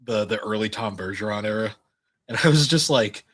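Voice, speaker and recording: Podcast co-host, man with a husky, low voice, dry and blunt humor. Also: brisk, fairly bright tone. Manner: wry, blunt, laughs at his own jokes. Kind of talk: casual chat.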